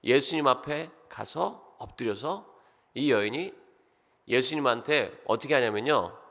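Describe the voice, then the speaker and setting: A middle-aged man preaching a sermon as pastor, asking the congregation questions and swinging from loud exclamations to quiet asides. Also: mid-range voice, measured pace. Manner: animated, rhetorical questions to the congregation. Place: church sanctuary. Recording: long reverb of a church hall.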